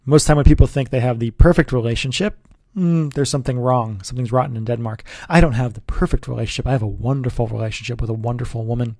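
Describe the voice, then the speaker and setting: Earnest man giving a sales pitch. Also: fast, darkish tone, no room sound, studio quality. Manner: earnest, persuasive, talks straight to the listener. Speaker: relationship coach.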